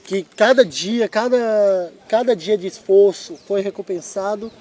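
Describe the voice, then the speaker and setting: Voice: medium pitch, unhurried, a little mellow, a little hiss or hum. An interviewer asking short, prompting questions during a casual interview.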